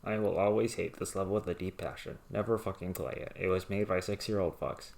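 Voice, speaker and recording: A man with a low voice reads written rants aloud. His delivery stays deadpan and monotone, as if reciting plain text. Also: a little fast, gravelly.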